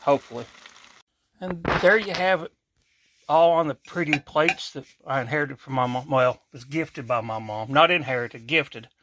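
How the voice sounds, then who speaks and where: A man's voice: on the high side, moderate pace, noisy background. Appalachian man hosting a cooking vlog. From Kentucky, USA. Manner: folksy, self-correcting, chatty asides. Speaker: cooking channel host. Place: home kitchen.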